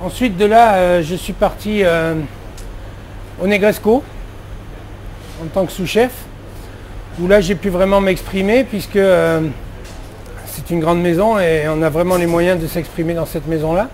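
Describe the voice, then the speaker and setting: High-voiced chatty French chef. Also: male voice, fairly even intonation, measured pace, long pauses, a little mellow, slight background noise. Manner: chatty, many fillers and restarts. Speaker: head chef. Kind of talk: casual interview answers.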